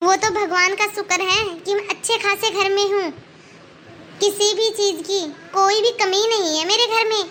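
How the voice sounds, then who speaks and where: A woman's voice: very high voice, steady tone, moderate pace, bright, forceful tone, a little hiss or hum. A woman voicing an earnest young married woman in a cartoon, talking with a reproachful tone. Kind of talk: Hindi cartoon voice acting.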